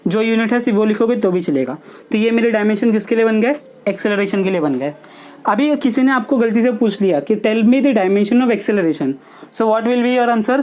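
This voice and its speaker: A woman teaches a physics lesson at a board, questioning the class and then answering herself. She checks understanding with short tags like "theek hai," and her voice is a little high with a dark tone.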